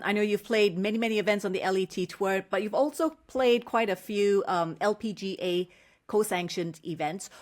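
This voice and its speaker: A woman from Singapore hosting a podcast, asking interview questions in an articulate, encouraging way. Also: mid-range voice. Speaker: podcast host.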